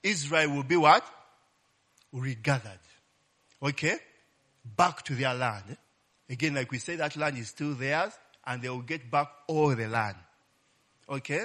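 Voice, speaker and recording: A man delivers an informal sermon teaching the Bible, pausing often and speaking unhurriedly in a mid-range, fairly bright voice. He leans on "eh?" tag questions, invites response from listeners, and exclaims "Glory be to God" and "Hallelujah".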